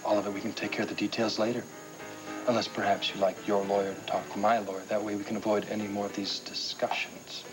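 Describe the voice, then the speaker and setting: A low-voiced, scornful man played by an actor in a TV soap drama. He is self-assured and sarcastic, landing cutting words with emphasis over clearly audible music. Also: little pitch movement, quick pace, lightly acted, poor audio. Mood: cold, firm. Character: scornful, self-assured man berating his former lover. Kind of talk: television soap opera acting.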